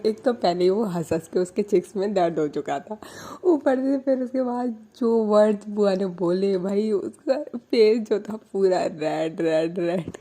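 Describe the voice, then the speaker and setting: A woman's voice: mid-range voice, mellow. A young woman telling a romance story in a chatty, casual way with frequent laughs.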